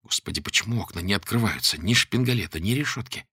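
A man reading aloud plays a frightened young woman. Her voice goes up high yet stays quiet and anxious. The sound is bright and dry. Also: expressive, quick pace, husky, dry recording, exaggerated voice. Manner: high, hushed, anxious speech.

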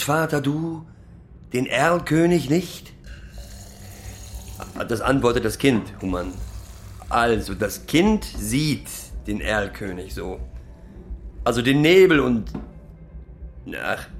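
A male actor with a medium-pitched voice plays a rambling middle-aged pub drinker, proudly sentimental, who lectures and recites poetry. It's a theatrical monologue, the recitation halting and full of self-corrections.

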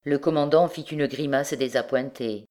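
A woman narrating a classic novel as an audiobook in a measured, even way. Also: extremely low pitch. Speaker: audiobook reader.

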